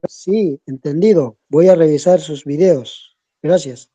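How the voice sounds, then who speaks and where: A male student answers his teacher briefly and politely. His voice is very dark, and the sound is dull and muffled, with no room around it. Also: fairly high pitch, slow pace, no room sound.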